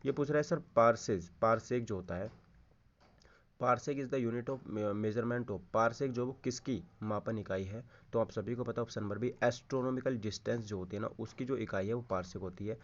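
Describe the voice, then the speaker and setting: Walking through quiz questions in a casual exam-prep session, this man mixes English terms into his Hindi, repeats the key answers and checks in with his listeners. His voice is medium-pitched at a moderate pace, and the recording sounds muffled.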